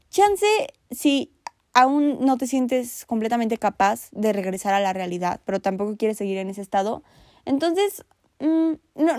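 A young Mexican woman talks to her viewers in a relaxed, chatty way, sharing personal advice and checking in with them as she goes. Her voice sits a bit higher than most and sounds close and dry. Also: dry recording. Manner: chatty and candid, speaks straight to the viewer. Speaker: vlogger. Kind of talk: casual advice talk to camera.

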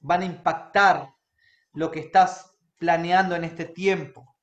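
A high-voiced man, preaching a sermon in an earnest, personal way. He keeps checking in with his congregation as he talks. The sound is roomy and echoey. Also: steady tone, slow, muffled recording. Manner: earnest, checks in with the congregation by asking "right?" again and again. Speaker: pastor. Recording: echoey room.

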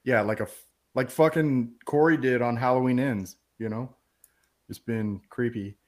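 A podcast host speaking at normal speed in a mid-range voice runs a casual movie podcast. He retells the plot in a loose, rambling, profane way and quotes the characters.

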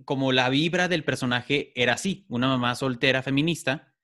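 Male podcast host, relaxed rambling chat, mid pitch. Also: fairly quick. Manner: relaxed, rambling, leads topics. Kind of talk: casual chat.

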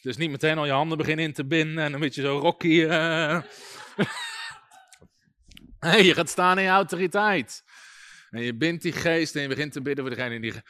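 A man preaching in a casual, storytelling way, with a bright, forceful tone and a somewhat high voice. He keeps things lively and funny, full of little asides as he teaches his listeners. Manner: lively and humorous, often chuckling and using fillers like "weet je". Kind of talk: informal sermon with anecdotes.

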